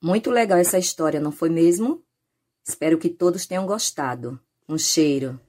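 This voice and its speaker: A woman's voice: fairly low pitch, lively intonation, brisk, mellow, faint music behind. A Brazilian woman, a teacher, narrating a children's story.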